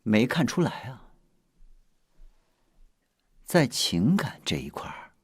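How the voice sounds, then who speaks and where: An actor playing a lovesick king in a costume TV drama, wheedling and self-pitying, swinging from loud outbursts to hushed asides. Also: mid-range voice, wildly swooping pitch, slow, slightly rough, no room sound, studio quality, full character voice. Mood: brooding. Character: lovesick grumbling male king, middle-aged.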